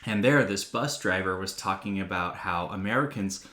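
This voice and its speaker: A man co-hosting a podcast, chatting and telling anecdotes in a relaxed way. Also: sits low, moderate pace. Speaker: podcast co-host. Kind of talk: casual chat. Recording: echoey room.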